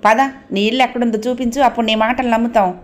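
A woman voicing a bullying male night-beat policeman, gruff and interrogating. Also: on the high side, steady tone, fast, close to an everyday voice. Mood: demanding.

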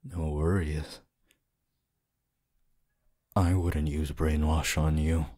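Man voicing Hitoshi Shinsou, very deep husky flirt. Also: level tone, mellow, exaggerated voice. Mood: smug, flirtatious. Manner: slow, halting, low-key delivery with sighs and pauses. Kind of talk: roleplay ASMR voice acting.

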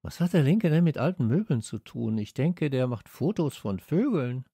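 A man voicing an eager, curious young girl in a children's audiobook, speaking in a lively way. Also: mid-range voice, moderate pace, breathy edge, no room sound, clean studio sound, voice pushed up.

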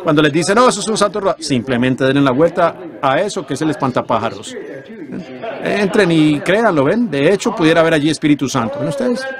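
A man preaches through a sermon in a somewhat high voice, pressing the congregation with rhetorical questions. The clear sound of a congregation runs behind him, from an old sermon tape. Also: lively intonation, fairly quick, a crowd in the background. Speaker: simultaneous interpreter of a sermon. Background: congregation in a church.

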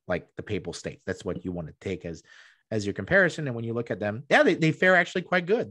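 A fairly bright yet low-leaning male voice with no room sound comes from a close desktop microphone in a small home room, where an economic historian in his thirties joins a podcast by video call. He argues his position conversationally and emphatically, often repeating words.

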